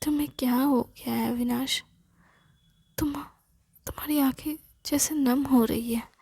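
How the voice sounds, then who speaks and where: A woman's voice: high voice, steady tone, unhurried, creaky, warm tone, breathy edge, no echo, clean studio sound, exaggerated voice. A woman voicing a caring young woman who questions her partner with concern, in a whispered role-play.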